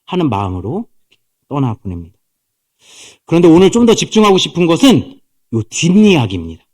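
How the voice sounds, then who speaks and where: Lively, storytelling male pastor. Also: fairly high pitch, fairly quick. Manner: animated storytelling, acts out the characters' voices. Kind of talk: sermon.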